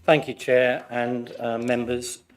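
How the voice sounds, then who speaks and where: A man, his voice croaky from flu, reading a formal, measured and critical speech as a councillor. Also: mid-range voice, level tone. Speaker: ward councillor addressing a planning committee. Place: council meeting room.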